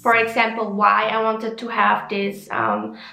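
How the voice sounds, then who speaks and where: A woman's voice: mid-range voice, sing-song, unhurried, creaky, sharp tone, reverberant, soft background music, poor audio. A young woman from Switzerland with a Swiss German accent, a native German speaker, chatting openly in a personal vlog with frequent ums and self-corrections. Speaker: vlogger.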